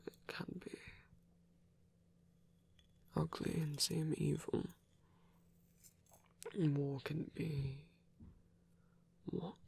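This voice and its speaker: This performer takes on the role of a kind, caring male vampire priest for an intimate ASMR piece. The delivery is a breathy whisper, measured and a bit formal, at a medium pitch and in full character voice.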